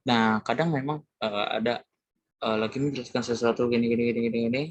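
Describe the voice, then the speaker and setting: A man's voice: mid-range voice, fairly even intonation, fast, dry recording. A young man from Indonesia giving a class presentation, talking casually to his classmates with many hesitant fillers. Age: young adult. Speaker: student presenter.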